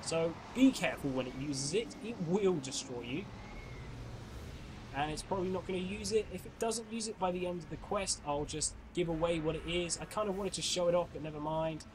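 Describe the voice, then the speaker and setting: A young gaming channel host talks chattily through his gameplay, explaining as he plays, his voice a bit off from an oncoming cold. He speaks on the high side and a little fast, with background noise behind him.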